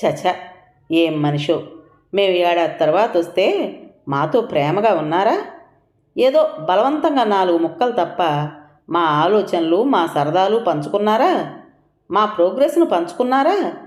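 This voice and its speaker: A woman's voice: on the low side, very animated, measured pace, long pauses, a little mellow, echoey room. A woman voicing an indignant young adult daughter who complains scornfully about her father.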